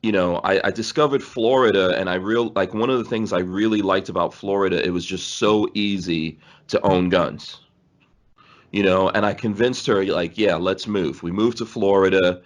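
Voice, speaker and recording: A man's voice: low-pitched, normal speed. A man in his forties, born in Guyana and raised in New York City, rambling through stories as a podcast guest, with frequent laughs. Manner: rambling, laughs often, restarts. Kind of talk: casual storytelling interview.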